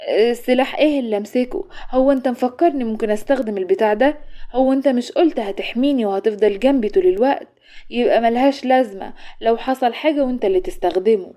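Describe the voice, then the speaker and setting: A woman's voice: a little high, fast, darkish tone, lightly acted. A woman with an Egyptian accent playing an anxious, protesting young woman in a spoken story. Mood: frightened. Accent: Egyptian Arabic. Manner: pleading, protesting, fretful.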